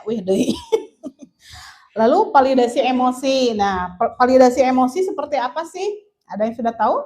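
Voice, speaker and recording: A young woman giving an informal parenting talk to parents, chatty and laughing often, mixing languages and acting out little quotes. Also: high voice. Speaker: parenting speaker at a parents' meeting.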